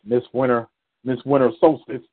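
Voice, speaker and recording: A man's voice: medium pitch, little pitch movement, normal speed, husky, dry recording. Hesitant male guest on a phone-like line. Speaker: guest poet. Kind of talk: casual chat.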